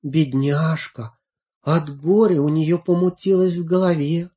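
A woman's voice: deep voice, steady tone, a little slow, mellow. A woman voicing a group of fussy village neighbor women in a storybook reading, pleading and fussing. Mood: whispering pity.

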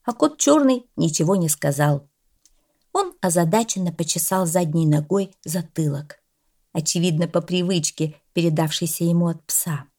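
A woman narrating a children's animal story in a measured, expressive way. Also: fairly low pitch.

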